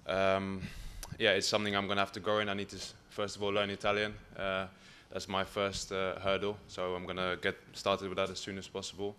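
A man in his twenties giving measured, hesitant answers as a footballer at a press conference, on a table microphone. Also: deep voice, completely flat delivery, bright, forceful tone. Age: 20s. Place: press room, indoors. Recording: faint room noise.

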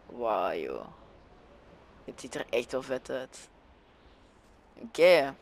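A man's voice: mid-range voice, slow, slight background noise. A young man with a Flemish accent giving casual, hesitant commentary over a video game, often searching for his words. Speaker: gaming video host.

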